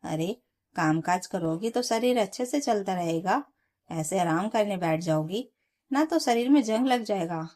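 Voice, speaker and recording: A woman's voice: mid-range voice, lively intonation, moderate pace, close to an everyday voice. A woman voicing a nagging, scolding old mother-in-law. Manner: sharp, nagging, sarcastic.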